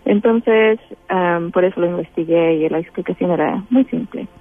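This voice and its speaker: A Chilean woman with a Chilean Spanish accent is a guest in a spiritual interview, heard over a tinny phone line with faint music behind. Her lowish voice moves at normal speed, hesitant, with many fillers and restarts.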